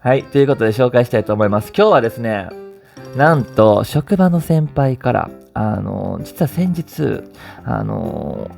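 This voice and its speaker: Kansai guy chatting on his vlog, playful and teasing, warm low-key tone with some gravel. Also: animated, measured pace, faint music behind. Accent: Kansai Japanese. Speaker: vlog host. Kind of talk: casual chat reading out listener stories.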